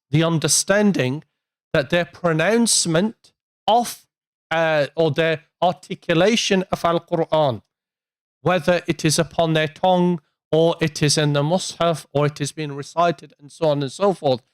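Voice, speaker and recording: A man translating a creed lecture into English, explaining each point slowly and carefully. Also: on the high side, clear, resonant tone, dry recording, clean studio sound. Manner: slow, measured, careful wording.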